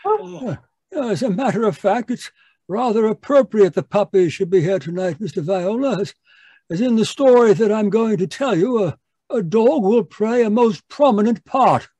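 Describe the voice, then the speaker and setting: A man's voice: sits high, lively intonation, normal speed, mellow, breathy edge, no echo, full character voice. A man playing a fussy, genial older doctor who stammers and repeats himself while recounting old cases in a radio drama. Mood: genial, reminiscing. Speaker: storytelling narrator character. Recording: live video-call performance.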